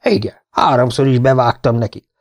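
A man's voice: medium pitch, natural voice. A man voicing a big, hearty, boastful older sports fan who tells story after story. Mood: boasting. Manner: boastful, eager.

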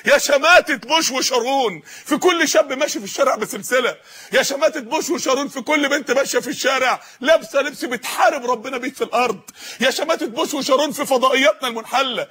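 A man preaching a passionate sermon with an Egyptian accent, swinging from storytelling to shouted appeals. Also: very high-pitched, rapid-fire, a little hiss or hum. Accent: Egyptian Arabic. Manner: impassioned, rising to shouts, acts out quoted voices.

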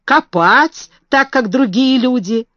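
A woman voicing a kind, cheerful country boy who speaks gently and reassuringly. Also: sits high, slow, no echo, muffled recording, voice pushed up.

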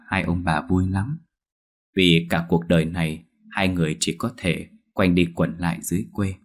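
Deep husky male ghost-story narrator.

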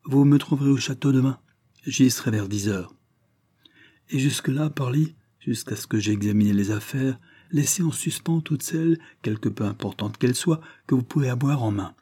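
Curt, decisive lord, read by a man, mellow husky low voice, Victorian audiobook. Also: normal speed, lightly acted. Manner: curt, decisive, brooks no reply.

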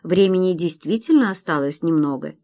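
A man's voice: on the high side, expressive, brisk, a little mellow, no echo, clean studio sound. A male audiobook reader voicing a blunt, weary army doctor who speaks soberly about the danger. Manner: sober, matter-of-fact. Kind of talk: audiobook narration with voiced quotes.

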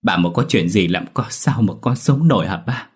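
A man's voice: lowish voice, lively intonation, normal speed, husky. A man voicing a grown son who begs and wails in despair in a spoken ghost story. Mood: grieving. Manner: pleading, wailing. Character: grown son, distraught, begging his father.

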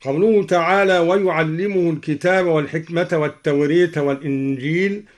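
Higher-voiced man teaching melodic recitation. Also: steady tone. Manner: measured explanation, slowing into melodic chanting for examples. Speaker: Quran reading teacher on radio. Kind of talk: formal radio lesson with chanted verse examples. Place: radio broadcast studio.

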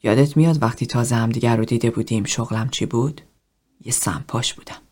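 A woman voices a cold, self-loathing middle-aged man in group therapy. Her confession comes out low and hushed, almost whispered, with a bitter mood.

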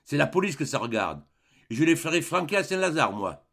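A man's voice: fairly high pitch, very animated, a little fast, vocal fry, fairly bright tone, heavily acted. A man playing a jealous young lover who speaks with trembling indignation in a read-aloud story. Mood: commanding.

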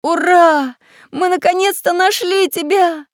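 A woman voicing a brave little iron craftsman who talks loudly and eagerly. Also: medium pitch, normal speed, dry recording, clean studio sound, lightly acted. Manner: loud and eager.

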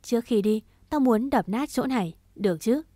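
Một người phụ nữ đọc giọng một gã trai trẻ thủ đoạn, nói giọng khiêu khích, chế giễu và hay chửi thề. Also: female voice, on the high side, animated, normal speed, mellow, dry recording. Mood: taunting. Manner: mocking, swearing, provocative. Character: crude scheming young man, taunting and foul-mouthed.

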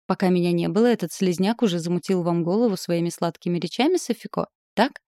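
A woman's voice: fairly low pitch, fast talker, no echo, studio quality, lightly acted. A woman reading a proud, hot-tempered male suitor. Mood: boastful. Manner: boastful, hoarse, forceful declarations. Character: passionate, arrogant young male suitor, turning menacing. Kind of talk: audiobook character reading.

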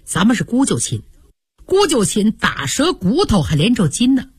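A woman doing a gentle, pleading young nobleman. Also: on the high side, wildly swooping pitch, normal speed, husky, no echo, clean studio sound, heavily acted. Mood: earnest pleading. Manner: coaxing, earnest.

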